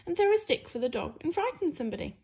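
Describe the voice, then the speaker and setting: A woman's voice: high-pitched, sing-song, fast talker, darkish tone, pitched above the performer's own voice. A woman voicing an eager, mischievous little boy skeleton in a children's story.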